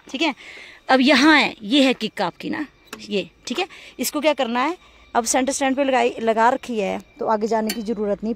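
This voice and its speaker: A woman teaching scooter riding outdoors on a hilly road, giving patient step-by-step instructions and coaxing the rider on with steady praise. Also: high voice, a little hiss or hum. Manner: encouraging, coaxing, repeats cues like "shabash". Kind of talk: hands-on instruction.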